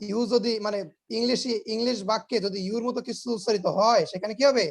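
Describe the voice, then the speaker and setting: A man's voice: extremely high pitch, steady tone, fast talker, vocal fry. A man teaching English grammar in an online class, explaining patiently, repeating his points, quizzing students and mixing English words into his talk.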